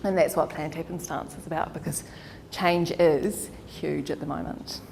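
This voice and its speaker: A woman's voice: deep voice, steady tone, normal speed, vocal fry, a little mellow, a little hiss or hum. A woman with a New Zealand accent, a career counsellor giving a chatty workshop talk to an audience, laughing often. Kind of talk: informal workshop presentation. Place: meeting hall with audience. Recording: long hall reverb.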